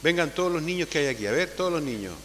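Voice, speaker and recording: A man, a priest giving a conversational homily at Mass, often tagging his sentences with a questioning "ah?" and calling loudly when he gathers the children. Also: fairly high pitch, lively intonation, very fast. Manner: conversational, tags phrases with "¿ah?". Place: church. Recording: long church reverb with faint hum.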